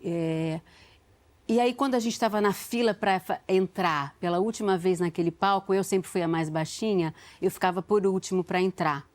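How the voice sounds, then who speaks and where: A woman's voice: lowish voice, normal speed. A woman in her forties, a talk show guest, telling a story earnestly with frequent restarts. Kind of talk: emotional storytelling.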